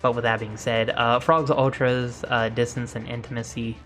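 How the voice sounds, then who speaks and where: A tired man giving casual, blunt tier list commentary for a gaming video in a monotone voice, with many filler pauses. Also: mid-range voice, faint music behind.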